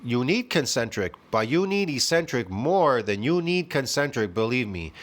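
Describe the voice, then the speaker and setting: A man's voice: mid-range voice, big pitch swings, normal speed. A man in his fifties ranting in a reaction video from home, scornful and profane, constantly tossing in "man" and "bro.". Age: 50s. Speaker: fitness video host.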